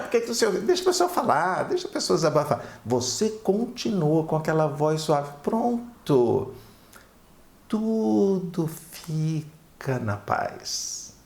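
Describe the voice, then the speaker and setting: A Brazilian man giving casual relationship advice, talking gently and checking in with "né?" and "tá?" all the time. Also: on the high side, gravelly, reverberant. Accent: Brazilian Portuguese. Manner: gentle, chatty, fills pauses with "né?" and "tá?". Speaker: relationship counselor. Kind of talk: casual advice talk to camera.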